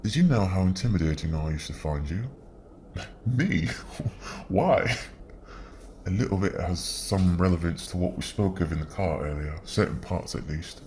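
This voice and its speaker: Low-voiced man reading both sides of a chat log aloud, quiet and even, faint hiss behind. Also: brisk, few pauses. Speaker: reader.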